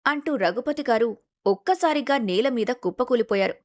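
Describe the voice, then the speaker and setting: A woman narrating a scripted family drama in a steady storytelling manner. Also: fairly high pitch, normal speed.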